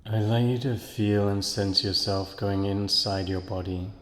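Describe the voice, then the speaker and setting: A man guiding a listener through a slow, soothing hypnosis relaxation, counting down and repeating calming phrases. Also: fairly low pitch, big-room sound. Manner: slow, soothing, repetitive induction. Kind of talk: guided hypnosis relaxation script.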